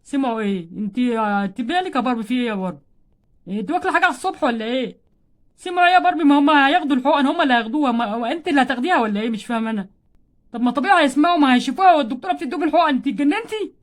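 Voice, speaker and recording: Woman putting on a nagging doll husband, Egyptian accent, deeper than her own voice yet still high, rapid. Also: natural voice. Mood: scolding. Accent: Egyptian Arabic. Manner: nagging, exasperated. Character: grumpy scolding male doll husband.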